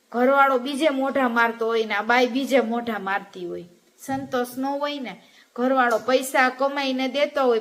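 Speaking directly to her viewers, a Gujarati woman tells cheeky jokes in a casual, teasing monologue. She has a high, fairly bright voice.

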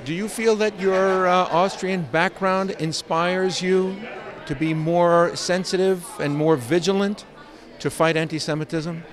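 A man interviewing a guest at an event, halting, repeating words with many fillers. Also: high voice, fairly even intonation, crowd noise. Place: crowded indoor event.

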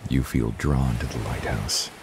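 A man narrating a guided sleep meditation in a soft, hushed, soothing voice that at times drops to a whisper. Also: extremely low pitch, fairly even intonation, measured pace, noisy background. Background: new-age music and ocean waves.

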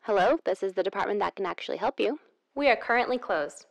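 A woman's voice: mid-range voice, lively intonation, fast, creaky. A woman playing a blandly polite automated phone menu in a customer service voice for a comedy sketch.

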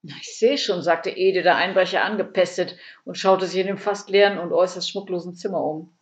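A woman from Germany, reading her own comic story aloud with a dry, expressive delivery. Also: fairly low pitch, a little fast, highs cut off. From Lüneburg Heath, northern Germany.

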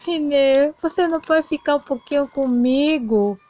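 A woman's voice: sits high, measured pace, warm tone, lo-fi sound, voice pushed up. A woman voicing Tereza Cristina, a clingy wife begging her husband to stay, in a doll soap opera. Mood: pleading. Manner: pleading, clingy. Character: clingy wealthy wife, pleading.

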